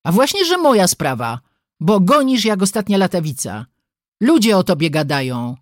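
A narrator voicing a sharp-tongued older sister, a young peasant woman who scolds her sibling. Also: mid-range voice, very animated, moderate pace, no echo, studio quality, voice pushed up, natural voice. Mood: scolding.

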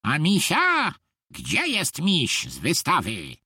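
A reader voicing a stingy, shrill woman who owns a toy shop, screeching and scolding in a storybook reading. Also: huge pitch swings, takes it slowly, sharp tone, breathy edge, dry recording, studio quality, heavily acted.

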